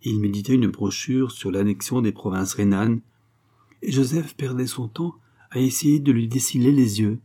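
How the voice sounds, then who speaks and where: A man reads a classic novel aloud as an audiobook narrator. His voice is husky and dark, and his delivery is measured and literary. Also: medium pitch. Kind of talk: scripted narration.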